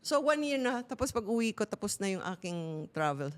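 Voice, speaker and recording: A candid middle-aged woman co-hosting a talk show shares a personal story in casual chat, mixing Tagalog and English. Her voice is a little high, very animated, and brisk.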